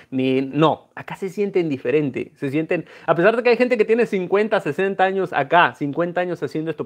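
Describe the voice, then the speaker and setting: A young man from Mexico with a Mexican accent talks to his audience in a loose, reflective vlog style. His voice sits a little higher than most men's, and he speaks conversationally, mixing in Spanglish words. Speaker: numismatics vlogger. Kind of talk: casual talk to camera.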